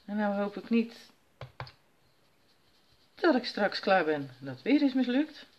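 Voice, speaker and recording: A woman's voice: medium pitch, very animated, slow pace, dull audio, slight background noise. Chatty woman talking through a craft. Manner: chatty, talks herself through each step. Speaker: crafter demonstrating stamping. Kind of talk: casual crafting tutorial. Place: at home while her children sleep.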